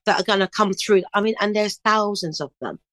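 A middle-aged woman, a singer and DJ, talks through her plans in a casual interview. She is chirpy and upbeat and tells her stories with animated energy. Her voice sits in an ordinary middle range and is recorded close on a dry mic. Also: medium pitch, fairly quick, no echo, poor audio. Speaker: singer and DJ guest.

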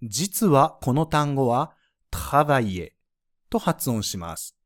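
A man's voice: medium pitch, big pitch swings, slow pace. A man teaching French pronunciation in a scripted lesson, explaining the rules patiently and spelling out sounds one by one.

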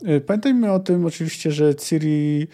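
A man hosting a podcast, discussing a novel chapter in a measured, analytical way while thinking aloud. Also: a little high, mellow. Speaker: podcast host. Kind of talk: book discussion commentary.

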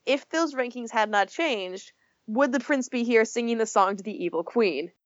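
Young woman co-host, animated and giggly, dry lo-fi mic. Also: a little high, normal speed, dry recording. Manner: laughs often, animated, quotes lines in put-on voices. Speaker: podcast co-host. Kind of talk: casual chat. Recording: dry, dull lo-fi sound.

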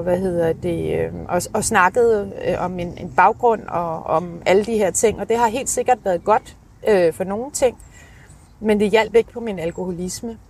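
A woman with a slightly husky voice, telling a candid personal story in an interview in a hesitant, searching way with casual swearing. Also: mid-range voice, a little mellow. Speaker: interview guest telling of own alcoholism.

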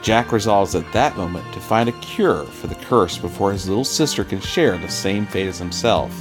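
A man's voice: on the low side, animated, moderate pace, over music. A man co-hosting a comic book podcast, reading out the credits and plot of an issue, then chatting casually about it. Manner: reads issue credits and plot recap, then chats with many fillers and repeats. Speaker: podcast co-host.

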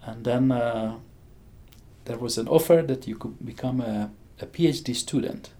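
With a Hungarian accent, a man in his sixties who works as a physicist speaks enthusiastically in a conversational interview, chuckling and rebooting his sentences. His voice is medium-pitched and dark, at a moderate pace.

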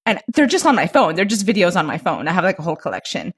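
A young adult woman co-hosting a podcast in casual chat, animated and quick to laugh, swearing casually. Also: fairly low pitch, breathy edge. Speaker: podcast co-host.

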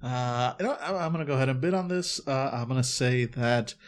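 A man playing a tabletop game, improvising narration in a casual, halting way and often correcting himself. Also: mid-range voice.

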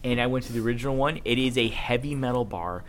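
A man's voice: medium pitch, quick pace, a little hiss or hum. A man chatting on a live podcast, blunt, profane and emphatic. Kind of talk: casual live podcast chat. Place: busy convention hall.

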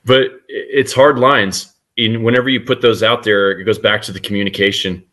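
A man's voice: on the low side, steady tone, normal speed, fairly bright tone. A middle-aged man, a guest author, talking earnestly in a casual podcast interview with frequent restarts.

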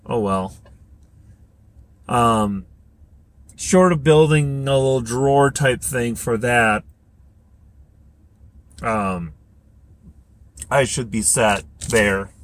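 A man talks through his plans at a slow, easy pace, rambling and filling pauses with ums as he thinks aloud. He records from his car, with faint road noise humming underneath. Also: medium pitch. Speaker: podcast host. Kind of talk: casual talking while driving. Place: inside a car.

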